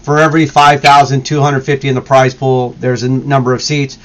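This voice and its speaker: A man's voice: mid-range voice, little pitch movement, fairly quick, a bit bright, rough recording. A man hosting a live stream, chatting casually and explaining details at length. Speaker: stream host.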